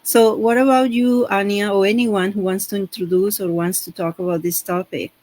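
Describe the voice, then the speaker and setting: A woman hosting an online panel, speaking hesitantly with many pauses and fillers. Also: medium pitch, fairly even intonation, darkish tone, low-quality recording. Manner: hesitant, many "um" and "uh", non-native phrasing.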